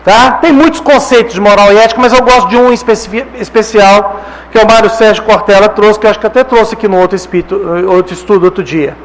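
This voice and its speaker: A man's voice: high voice, fast, rough recording. A man with a Brazilian Portuguese accent giving a spiritist lecture. He talks in a conversational way, often checking in with "né?" and "tá?". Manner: conversational, frequent rhetorical "né?" and "tá?". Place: lecture hall.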